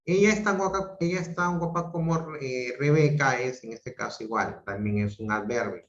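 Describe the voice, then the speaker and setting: A man's voice: mid-range voice, normal speed, a bit bright. A male teacher giving an online grammar lesson, explaining step by step and checking in with his students. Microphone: video call. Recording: muffled roomy video-call audio.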